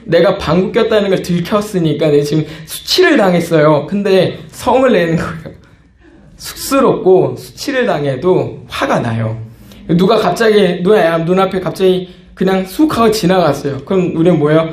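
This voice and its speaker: A man's voice: high-pitched, lively intonation, normal speed, roomy sound. A man preaching a sermon as pastor, talking conversationally and acting out small scenes. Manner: conversational preaching, acts out quoted outbursts.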